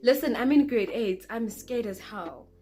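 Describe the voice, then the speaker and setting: Animated woman telling a story. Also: on the high side, measured pace, faint music behind. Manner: animated, dramatic, acts out quotes. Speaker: vlogger. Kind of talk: casual storytime.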